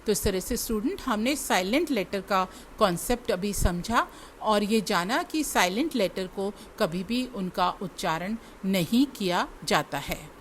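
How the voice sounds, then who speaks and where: Against slight background noise, an Indian woman teaches English to her students in a mid-range voice with lively intonation, speaking a little slowly. Addressing the class directly, she spells words out letter by letter and repeats every one.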